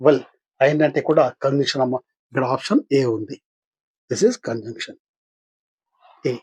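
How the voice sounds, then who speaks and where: An older man with a Telugu accent, his voice a little husky and pitched somewhat high. He teaches English grammar for an exam, patiently putting questions to his listeners and then answering them himself. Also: darkish tone, lo-fi sound. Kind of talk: exam-practice lesson.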